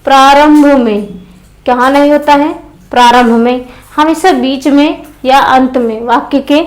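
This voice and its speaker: A woman teacher with a high, steady voice gives an exam-prep grammar lesson at a slightly slow pace, captured in poor audio. She proceeds step by step, repeats key phrases for emphasis, and poses questions to her students before answering them herself.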